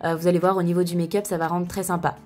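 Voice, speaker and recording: A woman's voice: fairly low pitch, little pitch movement, rapid-fire, darkish tone, faint music behind. Chatty young woman narrating a makeup tutorial. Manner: chatty, with frequent fillers and self-corrections. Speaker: beauty vlogger. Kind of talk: casual makeup tutorial voice-over.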